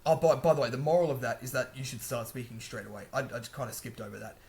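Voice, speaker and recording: Indoors, a man gives casual language-learning advice to camera in a fast, medium-pitched voice that's a little mellow, with vocal fry. He rambles chattily, often restarting and correcting himself.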